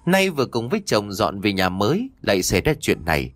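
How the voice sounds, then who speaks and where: A man reading a horror story aloud with very animated, swooping intonation. The sound is dry and close, with no room echo. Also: lowish voice, a little fast. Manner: expressive storytelling. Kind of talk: scripted horror story narration.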